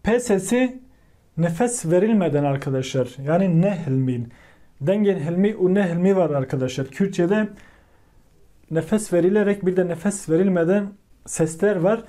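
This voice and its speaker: A man teaching a language lesson, repeating each word slowly and calling out to his viewers as he drills grammar forms. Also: sits high, dark tone.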